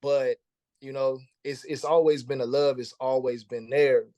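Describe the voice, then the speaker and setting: Here a thirty-something musician talks unhurriedly in an interview, his warm, medium-pitched voice keeping a fairly even intonation. He's relaxed and slangy, often doubling words as a thought begins, and the recording is dry.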